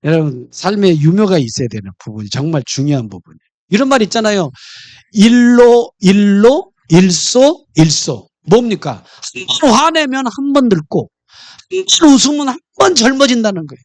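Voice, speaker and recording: A male pastor preaches in church, telling jokes and stories between points. His pitch swings widely and lively. The sound is close and dry, with little room echo. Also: quick pace. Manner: humorous, storytelling. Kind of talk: sermon.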